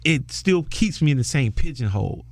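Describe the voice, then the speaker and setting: Male director guest, lively storyteller who does the voices, in a dry close-miked room. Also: fairly high pitch, normal speed, no room sound. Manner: animated storyteller, acts out quoted voices. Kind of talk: casual interview talk.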